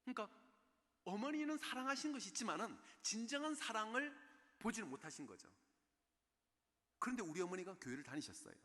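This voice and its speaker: A man's voice: high voice, sing-song, a little fast, long pauses, sharp tone. A man giving a special lecture on parenting at a church, often checking in with the audience through rhetorical questions. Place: church in Seoul. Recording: echoey church hall.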